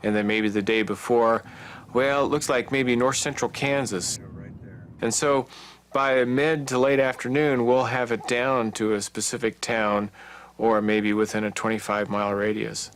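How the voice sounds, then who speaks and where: A man's voice: medium pitch, level tone, a little slow, slight background noise. An American man talking casually in an interview as a storm chaser.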